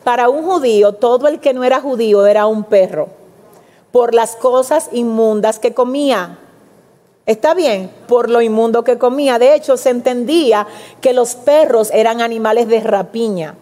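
A woman preacher delivering an animated sermon, speaking directly to the congregation and acting out quotes. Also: a little high, normal speed. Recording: long hall reverb.

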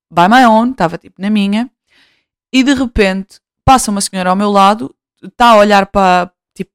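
A woman's voice: mid-range voice, clean tone, no room sound, studio quality. A young woman with a European Portuguese accent, hosting a casual podcast monologue. She talks in a chatty, self-mocking way and acts out other people's voices. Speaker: podcast host.

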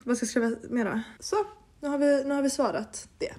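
A woman's voice: high-pitched, darkish tone. A woman from Sweden living in Paris, co-hosting a podcast and telling stories in casual chat, with lots of fillers and restarts. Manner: rambling storyteller, many fillers and restarts. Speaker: podcast co-host.

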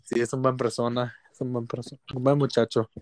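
A man with a Mexican accent chatting casually as a podcast guest in halting Spanglish, often repeating words as he searches for the next one. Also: medium pitch, level tone. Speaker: podcast guest, boxer and musician. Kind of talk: casual bilingual podcast chat.

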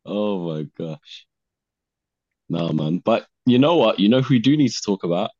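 A man's voice: on the low side, lively intonation, normal speed, mellow, dry recording, highs cut off. A man with a London roadman accent bantering casually about football in slang, putting questions to the others. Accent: London, urban slang (roadman). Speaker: football podcast co-host.

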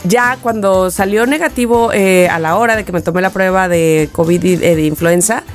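A woman's voice: medium pitch, moderate pace, soft background music. A middle-aged woman with a Mexican accent, a podcast co-host chatting casually and acting out the voices in her anecdotes. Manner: animated storyteller who acts out quotes. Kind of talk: casual chat, storytelling.

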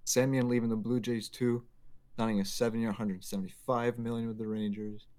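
A man's voice: mid-range voice, little pitch movement, fairly quick, dark tone. A young man from Quebec co-hosting a sports podcast, opinionated and emphatic, with joking rants. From Quebec, Canada. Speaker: podcast co-host. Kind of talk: casual sports podcast chat.

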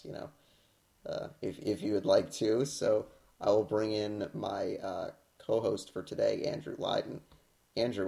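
Low gravelly guy hosting a podcast, mellow tone, lots of uhs. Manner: relaxed, halting with frequent fillers. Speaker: podcast host. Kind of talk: casual podcast chat.

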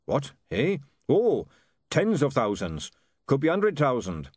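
A man voicing a gruff dwarf leader who talks briskly while appraising gems. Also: mid-range voice, huge pitch swings, a little mellow, dry recording, clean studio sound, pitched above the performer's own voice, full character voice.

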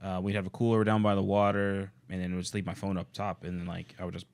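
Male, low creaky voice, rapid casual talk, laid-back frat-bro banter. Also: little pitch movement, darkish tone. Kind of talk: casual chat.

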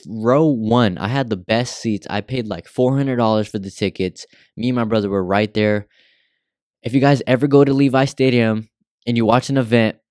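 A man's voice: lowish voice, clear, resonant tone, no room sound, clean studio sound. A young American man hosting a casual solo podcast, talking with newly fitted braces in a rambling, slangy, sweary way. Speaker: podcast host.

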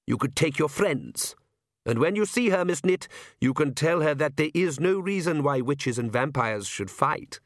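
A man doing a calm, smug vampire count. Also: fairly high pitch, no echo, studio quality, pitched above the performer's own voice, full character voice. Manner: calm, smooth, mildly mocking.

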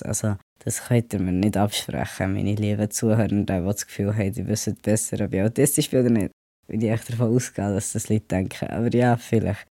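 A man's voice: lowish voice, warm tone, no room sound, clean studio sound. A young man who has a cold, hosting a casual solo podcast and rambling on with English words mixed in. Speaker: podcast host.

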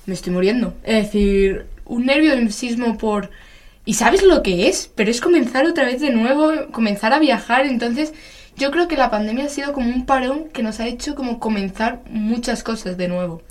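A young woman co-hosting a podcast, her voice sitting a little high. She talks in a loose, chatty way, full of fillers and quick laughs. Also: expressive. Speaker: podcast co-host. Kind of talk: casual chat.

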